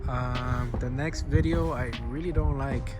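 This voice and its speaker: Over loud music, a motorcycle vlogger walks viewers through his bike mods in a laid-back, slangy manner. His mid-range voice is steady and unhurried.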